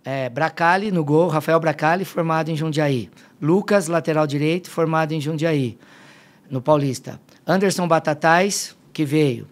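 Middle-aged man, slightly high voice. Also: moderate pace. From Limeira, São Paulo state, Brazil. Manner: lively storyteller, acts out dialogue. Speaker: podcast guest, fitness coach. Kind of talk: casual storytelling interview.

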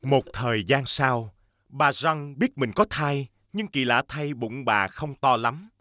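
A man narrating a fairy tale in a measured storytelling manner. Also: mid-range voice, pushed and bright, dry recording, studio quality.

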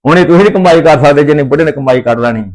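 A man's voice: a little high, rapid-fire, darkish tone, close to an everyday voice. A man playing an older father-in-law in a family comedy skit, who rants, repeats himself and threatens his son. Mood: ranting. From Punjab, India. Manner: ranting, repetitive, threatening.

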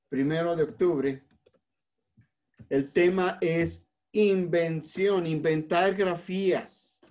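In a recorded online class, a male music teacher with a Mexican Spanish accent explains the lesson patiently, step by step, filling pauses with "este." His voice is a little high and darkish, and the audio is lo-fi.

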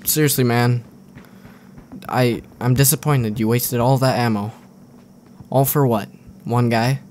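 A man's voice: medium pitch, fairly even intonation, a little slow, a little mellow. A young man giving casual, joking, rambling commentary over his own gameplay, often sarcastic. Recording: faint gunfire and game noise behind.

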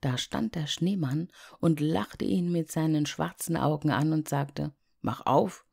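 A woman reading a Christmas fairy tale aloud as a calm, unhurried storyteller. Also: low-pitched, vocal fry. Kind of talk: scripted fairy-tale narration.

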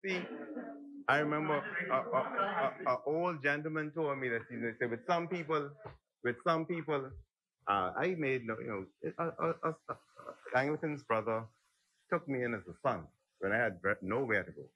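Middle-aged Bahamian male MP, husky and pushed, folksy and heated, speaking on a desk mic in a legislative chamber. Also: expressive, normal speed, sharp tone, rough recording. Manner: heated, folksy, rambling, swings up and down in pitch. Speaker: member of parliament. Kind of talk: impassioned parliamentary speech.

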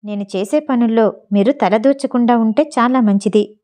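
A firm, impatient young man cuts his mother short in clipped lines, with a woman narrator reading him in her own voice. The tone stays mellow and a little high. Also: normal speed, lightly acted.

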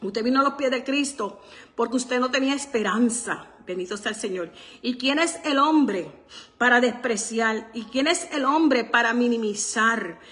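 A woman's voice: on the high side, moderate pace, a bit bright. A woman preaching a radio sermon with fervor, often blessing the Lord and asking her listeners whether they agree. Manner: fervent, repeats "bendito sea el Señor" often; asks the listeners "¿verdad?" and addresses them directly.

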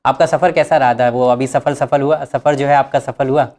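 A man's voice: medium pitch, steady tone, a little fast, a little mellow. A man hosting a talk program, welcoming the viewers and chatting with a guest. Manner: welcoming, addresses viewers directly. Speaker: program host.

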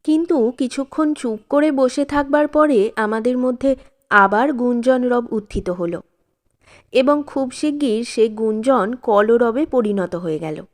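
A woman storyteller reads a classic short story aloud in a calm, measured way. Her voice sits a little high, and she takes each line at a slow, unhurried pace.

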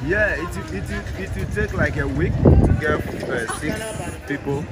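Over loud music, a Ghanaian-accented tour guide explains things in a relaxed way, frequently restating and rewording his points. His pitch is fairly high and he keeps a measured pace. He's outdoors at a bustling bus station, with street and vehicle noise all around.

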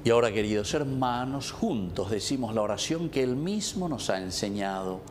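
Solemn Paraguayan priest at Mass. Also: male voice, medium pitch, lively intonation, a little hiss or hum. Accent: Paraguayan Spanish. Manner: solemn, measured, drawn-out phrasing. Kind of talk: liturgical recitation at Mass. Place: small indoor chapel. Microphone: fixed camera at the altar.

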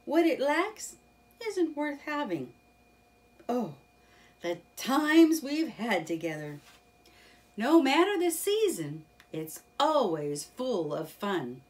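A woman voicing a cheerful, proud male water rat in a children's storybook reading, in an animated character voice. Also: lowish voice, slow pace, recorded from a distance. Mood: lively, proud.

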